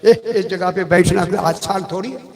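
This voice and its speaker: A man's voice: high-pitched, steady tone, moderate pace, a faint crowd. A man gives a majlis sermon, telling stories and speaking straight to his listeners. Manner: conversational storytelling, addresses the audience directly. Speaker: religious scholar giving a majlis sermon. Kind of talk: Urdu majlis sermon with anecdotes. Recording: long reverb of a hall.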